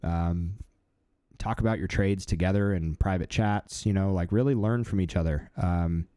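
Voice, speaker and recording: Male, 30s, live-stream host; deep warm voice, easygoing and filler-heavy. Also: smooth, dry recording, clean studio sound. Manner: relaxed, chatty, many fillers. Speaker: livestream host. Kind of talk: casual live-stream chat.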